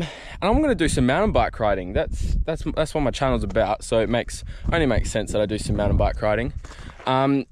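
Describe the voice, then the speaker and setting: A man's voice: medium pitch, slight background noise. Rambling Australian guy vlogging outdoors. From South Australia. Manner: chatty, rambling, jokey with lots of ums. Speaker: mountain bike vlogger. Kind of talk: casual vlog chat. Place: outdoors on bush trails.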